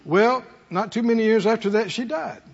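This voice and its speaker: A middle-aged or older man with a high, husky voice at normal speed preaches in a folksy, conversational style. He shares homely stories and poses rhetorical questions to his congregation, heard through muffled hall sound with long reverb.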